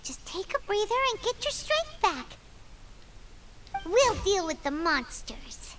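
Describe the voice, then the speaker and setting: A woman's voice: very high voice, big pitch swings, slow, heavy background noise, heavily acted. A woman voicing a small, cheerful, protective fantasy companion girl in a video game. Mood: concerned, curious. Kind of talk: English video game voice acting. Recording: loud game music behind the voice.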